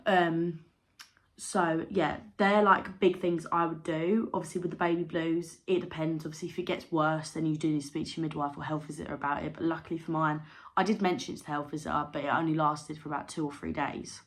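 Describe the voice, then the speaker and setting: Young woman, candid chatty vlogger, slightly low voice, loose rambling delivery. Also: fairly even intonation, fairly quick. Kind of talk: casual chat to camera.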